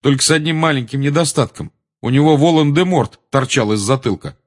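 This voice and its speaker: A man's voice: medium pitch, brisk, voice pushed up, lightly acted. A man voicing an angry, defiant teenage boy who speaks sarcastically in an audiobook. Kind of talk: audiobook character voice.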